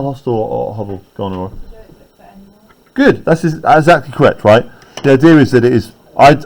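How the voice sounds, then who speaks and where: A man teaching a poetry class in a classroom, chatty and explanatory. He keeps checking in with his students as he goes, in a mid-pitched voice. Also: a little mellow, poor audio. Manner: conversational, frequent tag questions.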